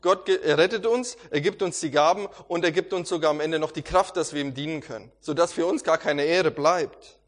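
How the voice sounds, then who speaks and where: A man's voice: fairly high pitch, a little fast. Earnest man preaching a Bible sermon. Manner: earnest, emphatic with repeated phrases; occasional restarts and stumbles.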